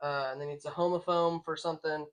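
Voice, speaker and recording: A man's voice: on the high side, flat delivery, fairly bright tone, clean tone. A man co-hosting a podcast, rambling through a comic book plot and stumbling over words as he reads aloud. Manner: rambling, halting, stumbles when reading aloud. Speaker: podcast co-host. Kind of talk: casual comic book review chat.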